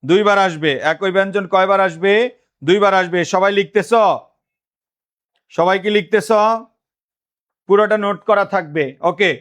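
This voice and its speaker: A man from Bangladesh teaching an online class, asking the students questions and answering them himself, dictating notes slowly and repeating phrases. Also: sits high, fairly even intonation, a bit bright. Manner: repetitive call-and-response questioning.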